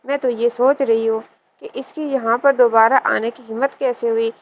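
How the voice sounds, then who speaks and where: A harsh, scolding mother full of contempt, as a woman reading the story puts her on. The voice sits fairly high and never softens toward her son. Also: fairly even intonation, a little hiss or hum, natural voice, poor audio. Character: angry scolding older mother, harsh and unforgiving.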